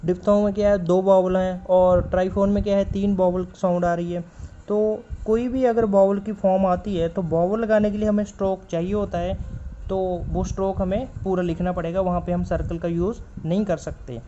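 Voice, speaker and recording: A man's voice: sits high, fairly even intonation, brisk, mellow. A man teaching a stenography class. He explains patiently, repeats key points and spells out letters as he writes. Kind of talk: step-by-step spoken lesson while writing. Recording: dull lo-fi recording.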